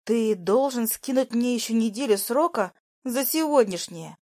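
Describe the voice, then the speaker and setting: A woman voicing an indignant, hot-tempered teenage schoolgirl who shouts her lines sharply. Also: fairly high pitch, lively intonation, normal speed, dry recording, studio quality. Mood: furious, indignant.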